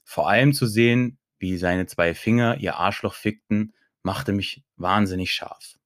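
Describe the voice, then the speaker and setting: A man reading a first-person audiobook story in a calm, even way. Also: fairly low pitch, a little slow, no room sound, studio quality. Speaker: audiobook narrator.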